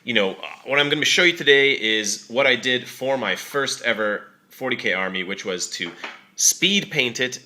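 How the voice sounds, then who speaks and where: A young man with a somewhat low voice walks through a hobby painting demonstration. His delivery is laid-back and unscripted, full of small fillers and restarts as he works. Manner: relaxed, many fillers like uh and you know. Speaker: miniature painting tutor. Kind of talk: casual how-to demonstration.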